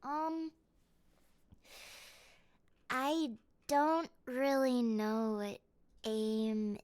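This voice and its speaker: A woman's voice: sits high, level tone, very slow, darkish tone, smooth. A woman live streamer chatting casually and playfully with her viewers as she reacts to videos. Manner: casual, playful running commentary. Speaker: live streamer, VTuber and voice actor.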